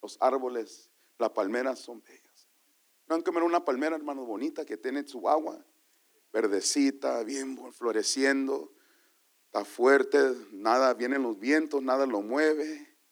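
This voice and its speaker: A man preaching a sermon as pastor, telling stories to his congregation and calling them brother, moving from quiet asides to loud exclamations. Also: mid-range voice, unhurried. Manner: storytelling, calls the congregation brother.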